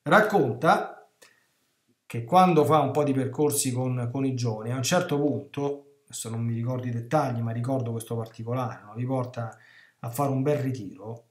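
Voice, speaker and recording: Animated priest preaching in a roomy space. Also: male voice, mid-range voice, moderate pace. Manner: animated, emphatic, with rhetorical questions to the listeners. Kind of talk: retreat sermon. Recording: roomy echo.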